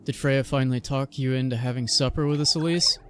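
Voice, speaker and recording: A man's voice: medium pitch, fairly even intonation, brisk, a little hiss or hum, natural voice. A man voicing a cheerful, teasing village father as he reads video game dialogue aloud.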